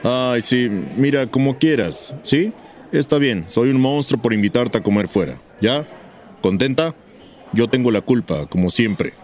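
A man's voice: mid-range voice, unhurried, a little mellow, faint music behind, natural voice. A man playing a sulky, defensive boyfriend who talks sarcastically. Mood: sarcastic. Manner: sarcastic, aggrieved. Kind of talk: scripted dialogue scene.

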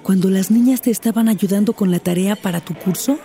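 This is Patty, a character in a teaching dialogue, voiced by a woman with a Mexican Spanish accent who explains earnestly from a script. Her pitch is medium, her delivery brisk and mellow, and faint music plays in the background.

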